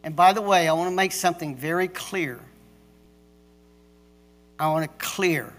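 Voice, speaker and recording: A middle-aged man preaching a sermon as pastor, emphatic, with pauses and restarts. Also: on the high side, fairly bright tone.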